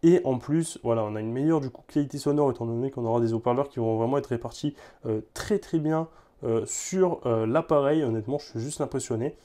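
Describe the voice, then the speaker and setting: A man's voice: mid-range voice, a little fast, dark tone. A man casually presenting and testing a gadget for viewers, talking loosely with many filler words and repeated words. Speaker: tech reviewer. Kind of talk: casual product demo.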